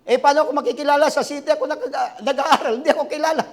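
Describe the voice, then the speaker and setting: A man in his sixties preaching a sermon as pastor, swinging from shouted climaxes to quiet asides and asking the congregation for responses. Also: extremely high pitch, steady tone, rapid-fire. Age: 60s.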